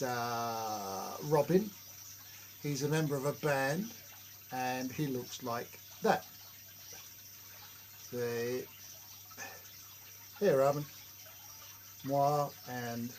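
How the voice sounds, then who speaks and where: A man's voice: medium pitch, extremely slow, long pauses, darkish tone, slight background noise, poor audio. A man vlogging casually from his home workshop shed, telling jokey, self-mocking stories to the camera. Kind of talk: casual rambling chat to camera.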